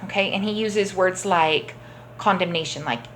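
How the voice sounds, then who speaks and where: A woman teaching a children's church class, telling a story gently and often checking in with the kids. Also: lowish voice, moderate pace, slight background noise, low-quality recording. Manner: gentle, encouraging, checks in with "okay?".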